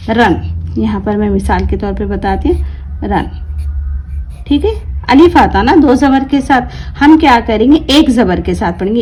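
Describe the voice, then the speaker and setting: A woman's voice: fairly high pitch, darkish tone, rough recording. Woman teacher quizzing her class. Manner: asks the class questions and answers them herself; drawls and stretches the words she reads out as examples. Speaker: Quran reading teacher. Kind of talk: explaining a lesson to learners.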